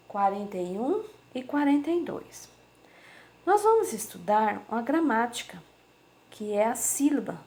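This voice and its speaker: Slow, patient woman teaching children. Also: on the high side, a little mellow. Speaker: primary school teacher. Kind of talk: remote lesson for children.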